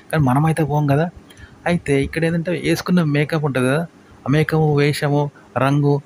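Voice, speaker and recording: A man talks through singing tricks in an unhurried, conversational lesson, returning again and again to simple everyday comparisons. His voice sits at a middle pitch, with a faint layer of background noise under the recording. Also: a little mellow. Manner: explains with everyday examples, repeats points. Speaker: singing teacher. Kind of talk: casual spoken lesson on singing.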